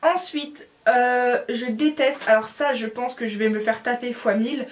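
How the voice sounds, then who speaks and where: A woman's voice: a little high, normal speed. A young woman in a casual opinion vlog, talking bluntly and with feeling, with many fillers. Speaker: vlogger.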